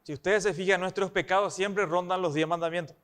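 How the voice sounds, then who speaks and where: Man as preacher, higher-pitched, emphatic sermon delivery with rhetorical questions. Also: steady tone, brisk, fairly bright tone, clean tone.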